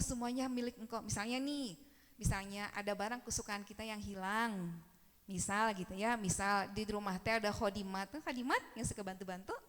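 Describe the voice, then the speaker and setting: A woman with a Sundanese accent giving a casual, lively Quran study talk, acting out little everyday scenes as she teaches. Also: high voice, in a large hall.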